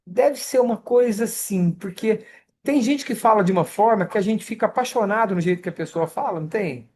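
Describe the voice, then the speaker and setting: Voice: mid-range voice, fairly quick, darkish tone, slight background noise. A study group leader with a Brazilian Portuguese accent gives an online scripture lesson over a video call, speaking conversationally and often checking in with listeners.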